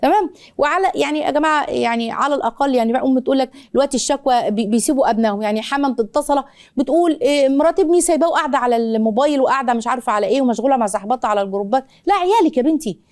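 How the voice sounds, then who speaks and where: A middle-aged woman with an Egyptian Arabic accent hosts a parenting advice show, firing off rapid, animated answers to viewer questions. She uses playful voices, restarts often, and her voice sits high.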